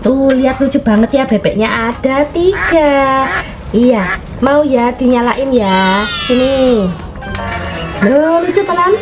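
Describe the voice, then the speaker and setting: A woman's voice: high voice, lively intonation, slow. A woman who coos in sing-song baby talk, hosting a playful doll show for children. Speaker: children's channel host. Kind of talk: playful doll play for kids. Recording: children's music under the voice. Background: children's music.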